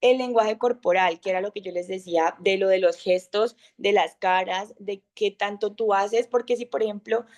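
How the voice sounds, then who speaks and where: Young woman, loud and high-voiced, informal teaching talk with lively examples. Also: normal speed, few pauses. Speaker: speaker of an online masterclass.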